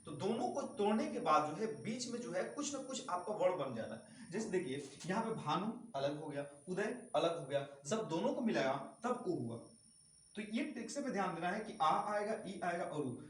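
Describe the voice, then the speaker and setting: High-voiced male teacher in an echoey room. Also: expressive, normal speed, recorded from a distance, slight background noise. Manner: explaining step by step, repeating key sounds and asking rhetorical questions. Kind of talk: classroom grammar lesson.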